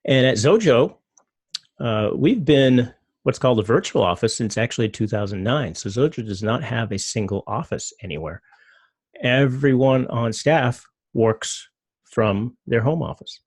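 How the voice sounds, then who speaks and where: A middle-aged man giving a relaxed talk, loose and rambling, full of fillers. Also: mid-range voice, measured pace, no room sound. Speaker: presenter. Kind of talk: casual talk with slides.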